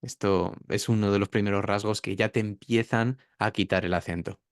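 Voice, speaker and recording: Guy teaching pronunciation, lowish voice, smooth and clear, dry close sound. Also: fairly even intonation, normal speed, dry recording. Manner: demonstrates sounds by drawing out words. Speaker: pronunciation teacher, interview guest. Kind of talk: explanatory interview talk.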